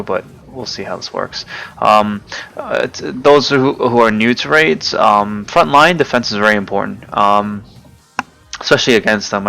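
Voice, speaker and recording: A man giving casual, hesitant commentary over his own gameplay, often pausing with fillers and forgetting names. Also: lowish voice, vocal fry, pushed and bright. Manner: hesitant, many fillers, loses track of names. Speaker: gaming video creator.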